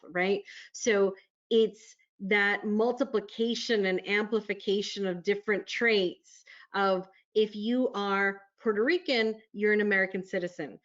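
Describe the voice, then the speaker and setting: Woman doctor explaining on a muffled call. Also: medium pitch. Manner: earnest, explanatory, many fillers. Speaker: physician panelist. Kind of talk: panel discussion. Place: New York.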